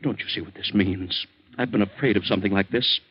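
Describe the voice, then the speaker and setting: A man's voice: on the low side, brisk, slightly rough, muffled recording. A man playing a nervous, frightened married man who pleads for help, in 1940s radio acting, heard through an old AM radio broadcast. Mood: anxious. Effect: old AM radio broadcast sound.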